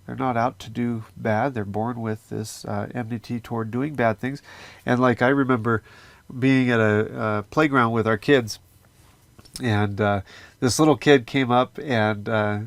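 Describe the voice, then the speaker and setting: Gravelly-voiced man teaching scripture. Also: mid-range voice, no echo. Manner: earnest, conversational with fillers. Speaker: religious teacher.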